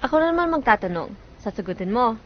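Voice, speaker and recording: A woman's voice: a little high, very animated, fast, dull audio, soft background music. A teasing, outspoken young woman. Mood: prying. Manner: teasing, blunt. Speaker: office mate, visiting woman. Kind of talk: film drama acting.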